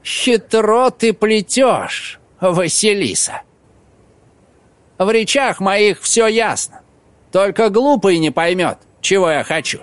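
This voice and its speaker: Мужчина читает за грубого вспыльчивого молодого вора, резко и отрывисто. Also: male voice, high voice, animated, slow pace, no room sound, voice pushed up. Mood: rough. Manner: rough, abrupt. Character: rough hot-tempered young male thief.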